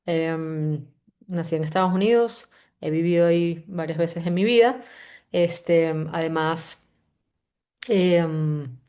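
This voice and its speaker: A woman's voice: lowish voice, slow pace, mellow, clear, resonant tone. A woman from Venezuela with a Venezuelan accent hosts a live online book-summary session, talking in a welcoming, conversational way and often restarting her phrases. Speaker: host and company CEO.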